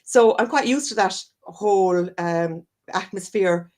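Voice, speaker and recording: Her medium-pitched voice is unhurried and a little mellow. She's an Irish wellness coach appearing as a guest on a live-streamed video call interview, earnest and rambling, repeatedly looping back to correct what she has said.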